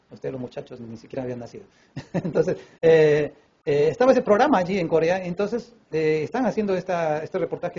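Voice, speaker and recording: Fast-talking Peruvian man telling a story. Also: fairly high pitch, husky. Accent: Peruvian Spanish. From Peru. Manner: animated storyteller who acts out dialogue voices, with many fillers. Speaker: preacher. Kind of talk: sermon testimony, storytelling. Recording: dull lo-fi recording with faint room noise.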